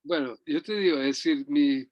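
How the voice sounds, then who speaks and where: A man's voice: a little high, moderate pace, dry recording. An older man from Chile, a guest reminiscing about his parents in a rambling storytelling way, often ending phrases with a tag question. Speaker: interview guest. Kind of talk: reminiscing conversation. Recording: dull, dry close recording.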